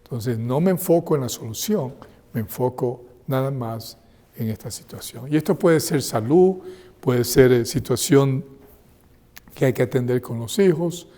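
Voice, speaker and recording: A man's voice: mid-range voice, measured pace, dark tone. Man presenting in a reverberant hall. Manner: conversational, checks in with frequent tag questions. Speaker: seminar presenter. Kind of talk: health seminar talk. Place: seminar room.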